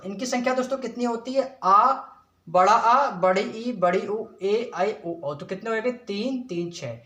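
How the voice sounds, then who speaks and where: High-voiced male teacher in an echoey room. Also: a bit bright. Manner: asks the class a question and answers it himself, says "friends" constantly. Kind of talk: exam-prep lesson.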